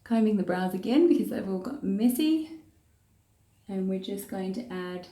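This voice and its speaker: A woman's voice: medium pitch, moderate pace, recorded from a distance. Chatty New Zealand woman in echoey room. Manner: chatty, relaxed, talks while working. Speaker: makeup tutorial host. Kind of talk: casual step-by-step tutorial narration. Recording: roomy echo, voice off-mic.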